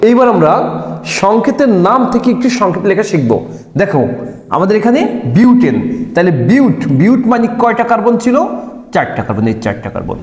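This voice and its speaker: A man's voice: high-pitched, big pitch swings, a little fast, a little mellow. A man teaching chemistry in a classroom lecture, repeating key points and asking and answering his own questions. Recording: echoey room with long reverb.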